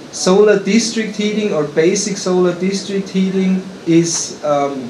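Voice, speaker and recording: A man from Austria with an Austrian German accent, giving a conference presentation as an engineer. He speaks haltingly, with frequent fillers and restarts. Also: high-pitched, a little mellow, reverberant, slight background noise, rough recording. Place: conference hall.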